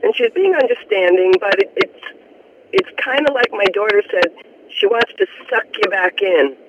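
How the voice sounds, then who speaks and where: A woman's voice: mid-range voice, very animated, normal speed. A woman from Florida calling in to a radio show over the telephone, talking earnestly and at length about her personal troubles. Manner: earnest, rambling, open about family troubles. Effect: heard over a telephone line on a radio show. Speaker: radio call-in caller. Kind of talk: personal phone-in conversation. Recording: tinny phone line with faint hiss.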